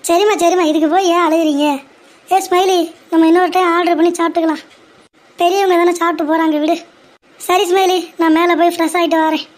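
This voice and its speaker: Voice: extremely high pitch, little pitch movement, fast. A young performer voicing a tired son caught between his mother and his wife in a family comedy skit. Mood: exasperated. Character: weary working son caught in the middle.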